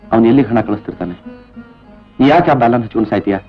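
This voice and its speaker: An actor playing an irritable, suspicious husband who fires sharp, accusing questions, in a 1970s Indian film. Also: male voice, medium pitch, expressive, fast talker, natural voice. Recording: dull old film soundtrack with faint music.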